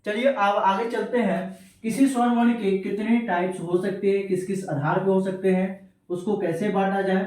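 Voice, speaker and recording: A man's voice: sits high, fairly even intonation, normal speed, darkish tone. A male teacher giving an exam-prep grammar lesson, repeating each key term and calling his students children. His voice carries heavy echo, as if from across a bare classroom. He sounds set back from the microphone. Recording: very echoey room, distant from mic.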